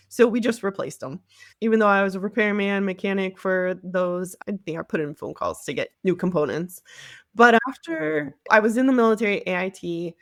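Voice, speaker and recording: A marketing agency CEO from the Cleveland area appears as a podcast guest, sharing her personal story in a candid, conversational way and frequently acting out what others told her. Her voice is mid-range, and the studio-quality recording has no room sound.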